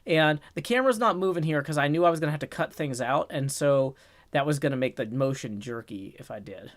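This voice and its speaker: A man hosting a casual livestream in a raspy, strained put-on voice, chatting and reading viewer comments into a boom mic. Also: lively intonation, brisk, no room sound. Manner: rambling, chatty, talks to chat while working on a build. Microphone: boom microphone.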